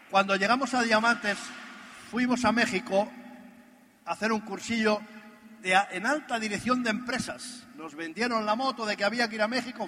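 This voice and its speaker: A man's voice: high voice, bright, forceful tone, long reverb tail, a little hiss or hum. A man from gives an emphatic, storytelling motivational talk at a business convention, speaking straight to the listener. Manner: emphatic, addresses the listener directly. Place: large convention hall.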